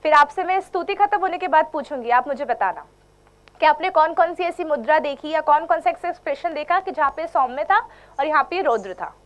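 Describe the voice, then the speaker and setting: A woman's voice: high voice, animated, brisk, dull audio. A young woman teaching a dance class to children, mixing Hindi and English and coaxing them with questions. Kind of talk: teaching children in an online workshop.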